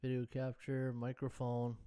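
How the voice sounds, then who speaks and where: A man's voice: medium pitch, completely flat delivery, unhurried, mellow. A man hosting a sports betting livestream in a chatty, filler-heavy way, his microphone sounding echoey like a tunnel. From Canada. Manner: chatty, greets viewers by name, many "uh" fillers. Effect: echoing tunnel-like sound on his microphone. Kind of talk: casual livestream chat. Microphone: USB desktop microphone. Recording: echoey hollow mic sound.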